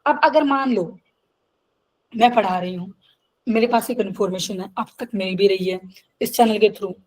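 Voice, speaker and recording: A woman teaching an online lecture over a video call. She moves between Hindi and slow, deliberate English definitions and keeps checking that the students are following. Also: medium pitch, darkish tone, poor audio. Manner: asks checking questions.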